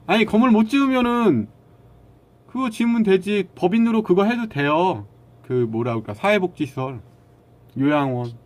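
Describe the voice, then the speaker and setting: A man hosts a casual live stream and lectures his viewers in a blunt, argumentative way, snapping back at the chat. His voice sits a little high for a man and swings widely in pitch. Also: expressive, moderate pace, a little mellow.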